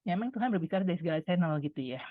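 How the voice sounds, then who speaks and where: A woman's voice: on the low side, lively intonation, rapid-fire, no echo. A middle-aged woman giving a chatty, conversational personal testimony, talking to her listeners like friends. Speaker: speaker sharing a testimony. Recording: tinny phone-like line, dry sound.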